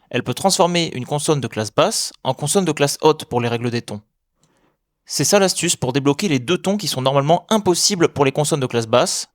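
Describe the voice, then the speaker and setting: Upbeat man giving a clear lesson. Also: a little high, no room sound, studio quality. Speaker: language teacher. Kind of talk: scripted explainer lesson.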